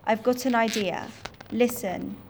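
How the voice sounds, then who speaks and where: Earnest jungle boy raised by wolves, a woman reading him, slow and plain. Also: a little high, slight background noise. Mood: determined. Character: brave young human boy raised by wolves.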